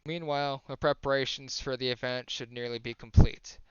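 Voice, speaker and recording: A man's voice: mid-range voice, fairly even intonation, fairly quick, a bit bright, clear, resonant tone, dry recording, muffled recording. A young man on a live stream reading a visual novel aloud, casual and self-correcting, who rereads lines to get the emphasis right.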